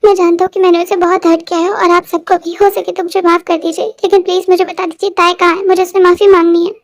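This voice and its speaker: A very high-voiced reader playing a remorseful young man who pleads to be forgiven. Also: little pitch movement, quick pace. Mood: pleading. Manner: pleading, apologetic.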